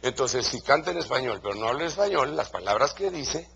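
A man's voice: medium pitch, animated, fairly quick, gravelly, fairly bright tone, husky. A man preaching a sermon to pastors in a Guatemalan Spanish accent, stressing his points by repeating key phrases.

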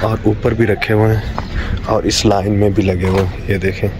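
A man in his forties narrates a family vlog, chatting casually through every step of the day while holding a phone camera at arm's length. He has a lowish voice, a level tone and a moderate pace. Scenes move from a car to home to a supermarket, and the handheld phone audio is noisy.

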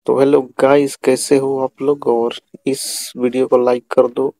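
With a mellow, mid-range voice, a man narrates a casual how-to over a screen recording, speaking straight to viewers and repeating himself. His delivery is flat and a little slow, and there's no room sound.

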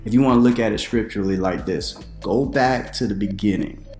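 A man in his thirties, a preacher, giving casual commentary to camera from a room at home, conversational with questioning, animated asides. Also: fairly low pitch, a little fast, reverberant, soft background music.

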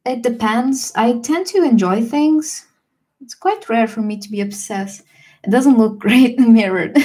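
A young woman livestreaming a watercolor session, chatting casually and relaxed with fillers and small laughs. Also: mid-range voice. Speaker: watercolor artist streamer. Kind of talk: casual livestream chat while painting.

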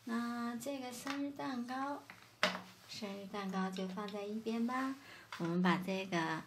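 A woman talks slowly to little children, as if reading to a toddler, with coaxing exclamations and simple explanations. Her voice has a creaky edge. She sits well away from the mic amid very loud noise and clatter. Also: fairly high pitch. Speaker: presenter of a children's toy play video. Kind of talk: playful narration to small children, like reading to a toddler.

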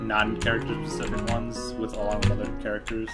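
A man's voice: lowish voice, monotone, fast, loud music behind the voice. A young man co-hosting a let's play, casually teasing and directing the player. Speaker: let's play co-host who knows the game. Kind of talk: casual gaming banter.

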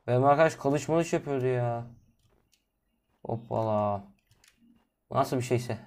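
A man doing solo gameplay commentary, chatting to viewers, drifting from low mumbling into sudden loud exasperated outbursts and curses. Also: measured pace. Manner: cursing, exasperated asides to viewers. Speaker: gaming video host.

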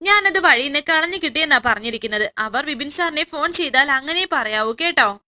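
A woman's voice: sits high, animated, fairly quick, sharp tone, exaggerated voice. Tearful pleading young woman, read by a woman narrator. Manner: pleading, weepy.

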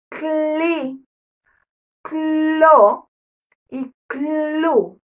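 A woman teaching a kindergarten phonics lesson, enunciating each syllable slowly and praising the children cheerfully. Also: high-pitched, sharp tone. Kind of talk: slow, drawn-out phonics lesson for young children.

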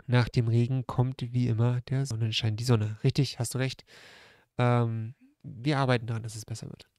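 A man's voice: mid-range voice, little pitch movement, normal speed, darkish tone, dry recording. A man in his thirties with a pressed, subdued, strangled-sounding voice, chatting casually as a livestream host and answering comments into a close desk microphone. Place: room at home by a large window. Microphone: close desk microphone on a stand.

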